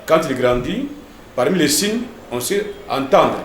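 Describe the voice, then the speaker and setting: Male pastor, didactic TV teacher, slightly high voice, echoey room. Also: expressive, measured pace, a little hiss or hum. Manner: didactic, repeats words and tags lines with "hein" and "n'est-ce pas".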